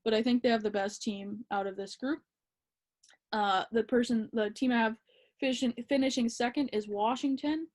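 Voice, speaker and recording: This podcast co-host is a woman chatting casually about hockey, her pitch a touch higher than average. She sounds at ease yet a little unsure, often pausing with an "um."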